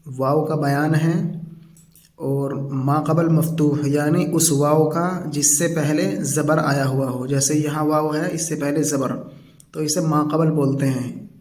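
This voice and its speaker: A man's voice: a little high, darkish tone, reverberant. A man teaching a reading lesson, patiently explaining and sounding out syllables one by one.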